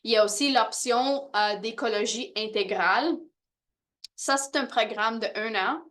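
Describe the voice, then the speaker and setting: A woman's voice: fairly high pitch, measured pace, a bit bright. Hesitant woman presenting university programs. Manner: hesitant, many fillers and restarts. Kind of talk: informational presentation to prospective students.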